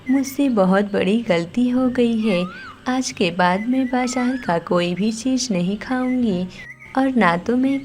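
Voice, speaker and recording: महिला द्वारा निभाई लालची बूढ़ी सास चिड़िया. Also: female voice, on the high side. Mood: remorseful. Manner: loud, theatrical, bossy. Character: greedy, scheming old mother-in-law bird. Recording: light background music.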